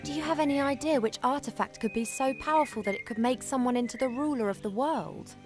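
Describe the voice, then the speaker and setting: Actress as young female elf adventurer, spirited, chatty, fairly high voice, video game, background music. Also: fast talker, natural voice. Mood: curious, musing. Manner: spirited, talking to herself and her bird. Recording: music under the voice.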